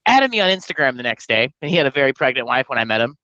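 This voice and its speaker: Bright-voiced joking Texas podcast guy. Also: medium pitch, very fast, no room sound, dull audio. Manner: animated, jokey, profane storyteller. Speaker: podcast co-host. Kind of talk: casual podcast storytelling.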